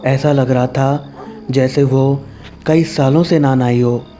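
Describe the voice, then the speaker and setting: A man's voice: medium pitch, steady tone, takes it slowly, mellow, faint music behind. A man narrating a first-person horror story, telling it in a tearful, anguished way.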